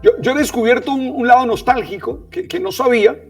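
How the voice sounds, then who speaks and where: Gravelly, lively man. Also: very high voice, brisk, far from the mic, faint music behind. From Caribbean coast of Colombia. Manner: enthusiastic, repeats words as he talks. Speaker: host. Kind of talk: casual interview chat.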